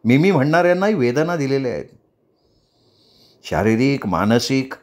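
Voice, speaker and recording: Male audiobook narrator, measured and reflective, mid-pitched. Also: sing-song. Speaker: storyteller.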